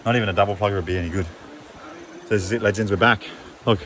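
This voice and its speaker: A man's voice: lowish voice, steady tone, racing, a bit bright. A middle-aged man, chatting casually and slangily to camera in a laid-back way as a vlogger. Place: outdoor rocky canyon in shallow water. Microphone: phone at arm's length. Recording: watery outdoor noise, phone video. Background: splashing, running water.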